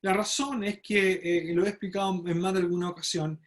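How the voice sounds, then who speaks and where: A man's voice: sits high, steady tone, brisk. Explanatory man teaching a Bible study. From Chile. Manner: explanatory, frequent "¿verdad?" tag questions and fillers.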